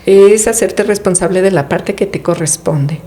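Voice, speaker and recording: Mellow, low-voiced woman explaining. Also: moderate pace, a little hiss or hum. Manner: reflective and explanatory, uses rhetorical questions. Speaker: guest speaking on family therapy. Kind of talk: conversational interview.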